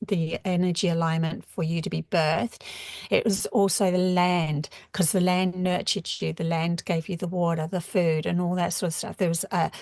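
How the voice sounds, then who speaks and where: A woman with a New Zealand accent giving a rambling live-stream spiritual talk, full of halting restarts. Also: lowish voice, a little mellow, dry recording, clean studio sound. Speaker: spiritual channeler.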